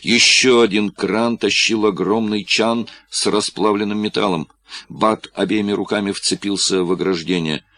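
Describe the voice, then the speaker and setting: A man narrating a tense story in an audiobook reading with measured delivery. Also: fairly low pitch, fairly even intonation, a bit bright.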